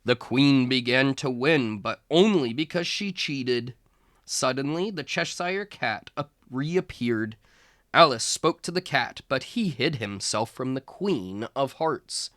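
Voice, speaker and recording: This is a male tutor giving an expressive, measured reading of a children's storybook. His mid-range voice comes through with studio quality and no room sound.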